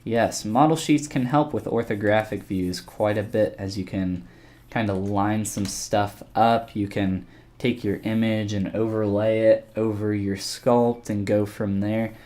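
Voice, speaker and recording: A man giving a casual live-stream tutorial while he sculpts, relaxed and rambling as he thinks aloud and answers chat. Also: fairly low pitch, unhurried.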